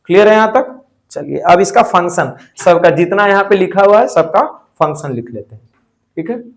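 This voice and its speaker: In a high-pitched, gravelly, animated voice at a moderate pace, a man teaches a biology class in Hindi mixed with English terms. He asks questions and answers them himself, checking in often with "theek hai."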